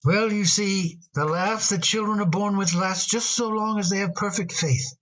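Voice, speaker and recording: In an old radio drama, a man plays a tender father speaking fondly to his daughter, his delivery gentle and slightly halting. His voice is high-pitched and the audio quality is poor.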